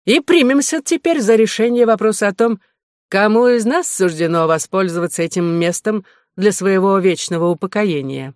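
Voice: mid-range voice, expressive, normal speed, no room sound, clean studio sound, natural voice. A reader voicing an affected, pompous English knight who talks in florid, mannered phrases. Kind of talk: audiobook reading.

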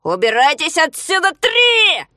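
A woman voicing an angry male police commander who yells threats. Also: very high-pitched, wildly swooping pitch, a little slow, no echo, studio quality, pitched above the performer's own voice, full character voice. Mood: yelling. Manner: shouting, shrieking threats.

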